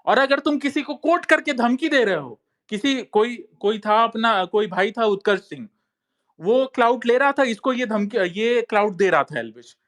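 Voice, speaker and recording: A man's voice: very high voice, animated, moderate pace, fairly bright tone. A man giving a heated monologue in an online talk space, insistent and repetitive, often calling listeners brother. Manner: insistent, repeats phrases and says "bhai" often. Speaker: social media commentator.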